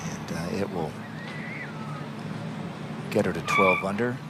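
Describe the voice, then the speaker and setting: A man's voice: low-pitched, slow pace. A man commentating live on a golf tournament as the lead announcer, in an outdoor broadcast. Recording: outdoor broadcast with loud ambient noise.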